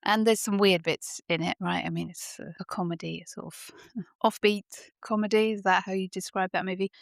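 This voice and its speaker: A woman delivers a motivational podcast monologue, firing off emphatic rhetorical questions. Her voice has a gravelly, creaky edge. The recording is dry and close, with no room sound. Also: mid-range voice, fairly even intonation, fairly quick, no room sound. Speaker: podcast host.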